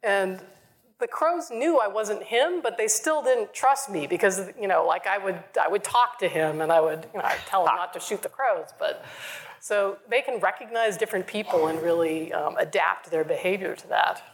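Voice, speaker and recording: A woman's voice: medium pitch, moderate pace. A woman in casual, thoughtful conversation, hesitant and peppering her talk with small asides. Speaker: panelist.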